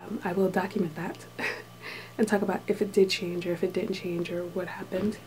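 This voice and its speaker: Soft-spoken woman vlogging quietly in a small room, mellow tone over a low hum. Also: little pitch movement, fairly quick, low-quality recording. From United States. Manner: talks softly and hushed, drifting into whispers. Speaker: vlogger, English teacher abroad. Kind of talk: casual personal vlog. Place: small indoor room with thin walls.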